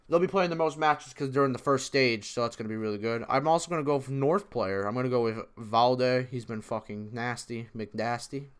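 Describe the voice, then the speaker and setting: A man casually talking through his predictions in a vlog, excitable, rambling and swearing freely. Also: on the low side, smooth. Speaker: esports video creator.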